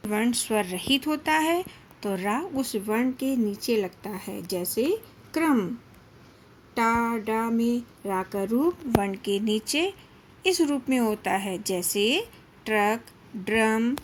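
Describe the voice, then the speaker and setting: Slow, careful woman teacher. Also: on the high side, lively intonation, slight background noise. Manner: slow, deliberate, drawn-out syllables with frequent pauses. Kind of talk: slow classroom lesson for children.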